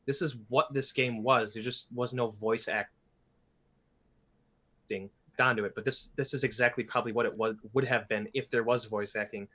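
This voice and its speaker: A man hosting a podcast in casual chat, animated and blunt, swearing freely. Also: mid-range voice, moderate pace. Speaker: podcast host.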